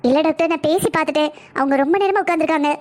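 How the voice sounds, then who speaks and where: A woman's voice: sits high, rapid-fire, close to an everyday voice. A woman voicing a polite cartoon nurse. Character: dutiful young female hospital nurse. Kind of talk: cartoon voice acting.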